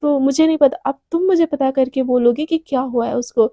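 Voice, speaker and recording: A woman's voice: sits high, fairly quick, mellow, no echo. A woman playing a bossy senior woman at the office. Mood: demanding. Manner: bossy, demanding.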